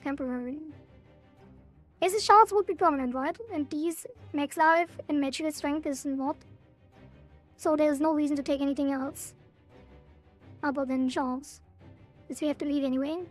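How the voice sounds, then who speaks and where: Female gameplay commentator, high-pitched, casual, thinking out loud, faint music underneath. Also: steady tone, normal speed, long pauses. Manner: thinking aloud. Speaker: game streamer. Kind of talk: casual gameplay commentary, reading game text aloud.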